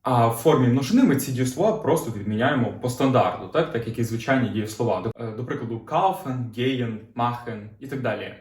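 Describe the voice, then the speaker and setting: A man's voice: medium pitch, lively intonation, fairly quick, few pauses, a little mellow. Man teaching in a roomy echo. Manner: explanatory, repeats "знову ж таки", asks learners questions. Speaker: German language teacher. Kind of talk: explaining grammar lesson.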